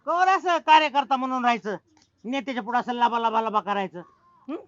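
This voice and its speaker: A man acting in a rural comedy sketch, boastful and rustic, who breaks into pleading shouts. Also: very high-pitched, brisk, dry recording, muffled recording. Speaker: comic actor.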